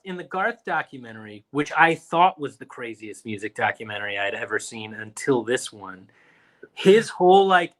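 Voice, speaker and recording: A man co-hosting a podcast, telling stories in casual chat and mimicking the people he talks about. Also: medium pitch. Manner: animated storytelling, quoting people in mock voices. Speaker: podcast co-host.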